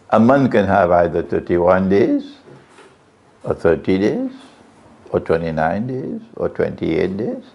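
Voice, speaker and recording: A man's voice: sing-song, takes it slowly, gravelly, pauses often. A man preaching a sermon, questioning his audience often. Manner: questions the audience, varies his pitch widely. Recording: lo-fi, dull sound.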